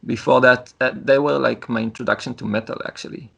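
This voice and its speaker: A man from Israel, a guest answering in a thoughtful, halting way. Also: mid-range voice, steady tone, gravelly, a bit bright, husky.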